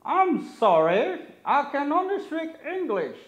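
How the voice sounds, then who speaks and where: A man doing a high, slow, friendly English-only uncle. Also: sing-song, fairly bright tone, full character voice. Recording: roomy, slightly dull sound.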